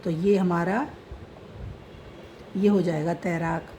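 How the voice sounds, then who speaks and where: A woman's voice: lowish voice, fairly even intonation, takes it slowly, mellow, slight background noise, low-quality recording. A woman teaching how to read and write a script, spelling out letters and sounds patiently. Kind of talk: slow script lesson.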